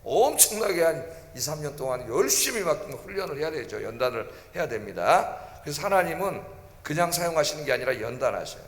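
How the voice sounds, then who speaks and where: A man's voice: on the high side, sing-song, brisk. A male pastor preaching a sermon in a church, emphatic and often putting questions to his congregation. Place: church sanctuary. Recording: echoey church hall.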